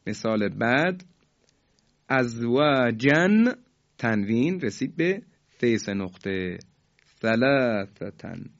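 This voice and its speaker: A man teaching a recitation lesson, speaking politely and slowly stretching out each example word so students can repeat it. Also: lowish voice, big pitch swings, highs cut off. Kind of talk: recorded tajweed lesson.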